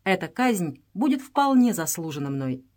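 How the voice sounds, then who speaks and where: A woman's voice: medium pitch, lively intonation, normal speed, darkish tone, lightly acted. A woman voicing a proud repentant male guide. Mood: earnest.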